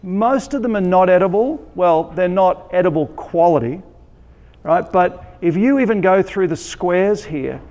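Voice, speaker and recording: A man with an Australian accent giving a conference presentation, relaxed and joking, with many ums and restarts. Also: high voice, measured pace, long reverb tail, muffled recording. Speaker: conference speaker. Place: conference hall.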